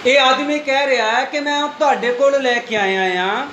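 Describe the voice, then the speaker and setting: A Punjabi-accented pastor preaches to a congregation and echoes back each verse as it is read aloud. The room rings with echo, and loud background noise hisses under his voice. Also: extremely high pitch, moderate pace. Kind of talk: Punjabi sermon with call-and-response Bible reading.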